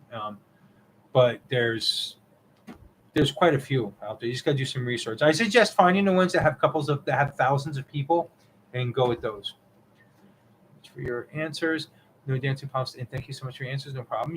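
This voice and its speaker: A young man in a casual live stream Q&A, reading out viewer messages one after another. His voice sits at an ordinary middle pitch, and he rambles with plenty of ums. A faint hiss runs under it. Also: poor audio. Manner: rambling, reads chat messages aloud, many ums. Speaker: co-host of a witchcraft live stream.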